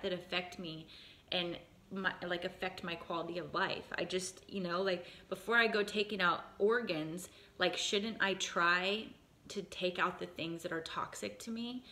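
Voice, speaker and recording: A woman's voice: on the low side, bright, forceful tone. A woman in her late thirties talking candidly in a casual personal vlog, rambling with lots of fillers and restarts. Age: 30s. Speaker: vlogger.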